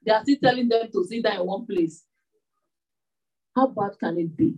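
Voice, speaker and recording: Husky woman preaching. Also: medium pitch, moderate pace, far from the mic, dull audio. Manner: animated preaching with repeated rhetorical questions. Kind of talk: sermon.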